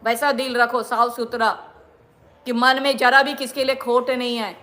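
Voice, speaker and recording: Woman vlogger, middle-aged, high pitch, indignant and lecturing. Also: little pitch movement, a little slow, fairly bright tone. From India. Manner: indignant, lecturing, repeats herself. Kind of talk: scolding monologue to viewers.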